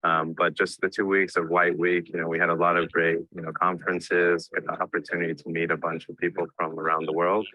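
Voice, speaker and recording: A very deep-voiced man from New York speaking in a bright, forceful tone on a flat pitch. He talks casually in a promo interview, dropping "you know" often, and the audio is dry. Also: a little fast, few pauses, no echo, rough recording. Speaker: student.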